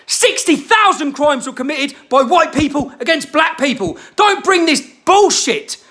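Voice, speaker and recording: A man delivering an angry, shouted political rant to camera, swearing heavily. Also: very high voice. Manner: furious, shouting, heavy swearing. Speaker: vlogger.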